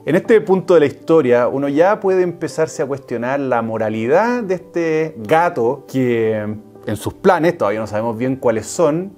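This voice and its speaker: A man's voice: medium pitch, lively intonation, moderate pace, darkish tone. Chatty male storyteller, faint music. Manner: chatty, self-correcting, wry asides. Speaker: teacher and storyteller. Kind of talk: casual storytelling with asides.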